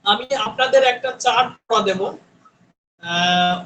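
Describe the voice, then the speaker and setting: A man with a very high voice teaches an online English pronunciation class. He repeats each sound several times and keeps checking that his students follow. The room is echoey, with faint noise behind him. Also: pushed and bright. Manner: drills sounds by repeating them slowly, checks in with "হ্যাঁ?".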